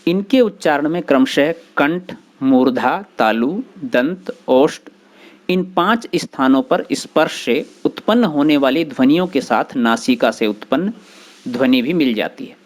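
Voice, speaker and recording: Slow, deliberate male grammar teacher. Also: medium pitch, expressive. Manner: slow, deliberate, spelling out sounds one by one; recites short Sanskrit grammar rules. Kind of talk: explanatory lesson.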